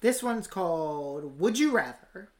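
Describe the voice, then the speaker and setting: A woman's voice: lowish voice, lively intonation, unhurried. A woman co-hosting a casual podcast, trading dry, jokey banter. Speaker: podcast co-host.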